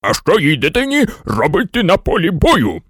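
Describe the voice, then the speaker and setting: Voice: mid-range voice, huge pitch swings, normal speed, a bit bright, breathy edge, no echo, studio quality, heavily acted. A narrator voicing a hot-tempered male army general who barks orders in a storybook reading. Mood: irate. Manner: blustering, barking commands. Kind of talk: audiobook character voice.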